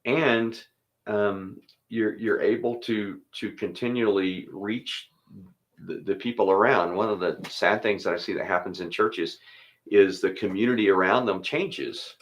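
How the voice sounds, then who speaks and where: Male pastor, low register, relaxed conversational delivery with brief prayer. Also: unhurried. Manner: easygoing, thinks aloud, chuckles between thoughts. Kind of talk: casual chat and spoken prayer.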